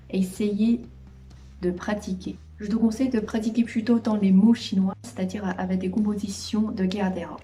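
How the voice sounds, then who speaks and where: A woman teaches in a calm, clear way and lingers over each example sound. Her voice is mellow and relaxed. Soft background music runs beneath the lesson. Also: medium pitch. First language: Mandarin Chinese. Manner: clear, patient explaining with drawn-out example syllables. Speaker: Chinese language teacher. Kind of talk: video lesson.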